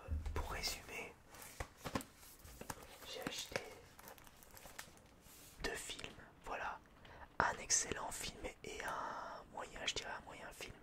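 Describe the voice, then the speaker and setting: The speaker whispers without voicing, airy and French-accented, while talking through films they purchased. It's a relaxation vlog, and their talk is halting, meandering and self-mocking in a casual way.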